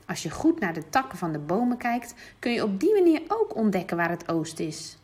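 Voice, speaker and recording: A woman's voice: mid-range voice, very animated, fairly quick, darkish tone, husky. Woman reading as a patient cheerful papa. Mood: playful. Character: patient cheerful father reading bedtime stories.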